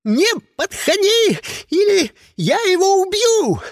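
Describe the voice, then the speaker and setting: A man's voice: extremely high pitch, very animated, slow, dry recording, clean studio sound, pitched above the performer's own voice, heavily acted. A man voicing a frantic, bullied teenage boy who screams with a cracking voice, in an audiobook.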